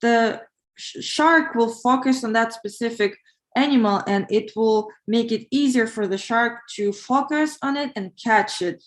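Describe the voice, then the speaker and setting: On a livestream, a woman from Ukraine who works as a pharmacist rehearses an English exam answer and chats casually. Her voice is on the high side and sounds roomy. She answers carefully and in a measured way, with hesitant fillers.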